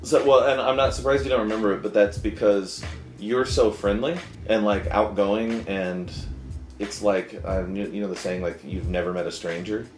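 A man's voice: fairly low pitch, steady tone, moderate pace, echoey room, soft background music. A man hosting a podcast, talking casually and jokily with lots of "like" and "uh". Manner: chatty, jokey, many fillers like "like" and "uh". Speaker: podcast host. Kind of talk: casual interview chat.

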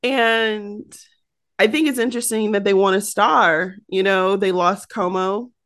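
A woman's voice: medium pitch, a little slow, a bit bright. An American woman co-hosting a casual chat podcast, talking chattily with many "um"s and "you know"s. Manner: chatty, uses many fillers. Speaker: podcast co-host.

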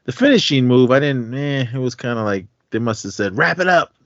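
A man's voice: medium pitch, a little fast, no echo. A middle-aged man co-hosting a podcast in casual, laid-back, slangy chat. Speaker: podcast co-host. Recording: dull lo-fi, dry close sound.

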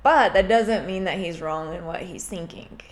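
Female co-host, casual and reflective, slightly low voice, roomy sound. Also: normal speed. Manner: reflective, explaining, laughs easily. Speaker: podcast co-host. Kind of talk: casual couple chat. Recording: echoey room.

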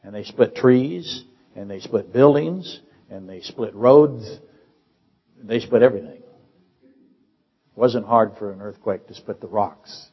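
In a dull, echoey recording from a church sanctuary, an older pastor preaches slowly with long pauses. His voice is lowish and slightly rough, and he leans on rapid rhetorical questions to instruct his congregation.

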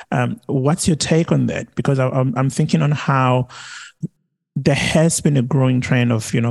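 A man hosting an interview, asking slow, measured questions with "you know" fillers. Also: medium pitch, creaky, darkish tone. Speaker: host. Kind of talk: interview conversation.

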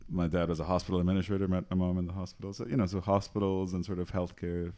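A man's voice: sits low, flat delivery, very fast, mellow. A man in his forties from Trinidad, a physician and researcher talking casually as an interview guest, with frequent laughs and many ums and restarts. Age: 40s.

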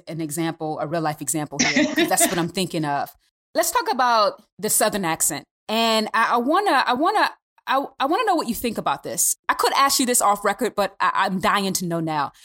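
A woman podcast host asking questions in an animated, halting way with many restarts. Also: mid-range voice. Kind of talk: podcast interview.

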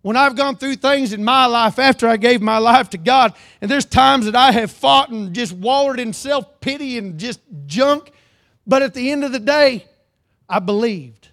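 High-voiced preacher man. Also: moderate pace. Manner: reads scripture aloud then preaches, calls for amens; swings from loud emphatic lines to low earnest ones. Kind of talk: sermon.

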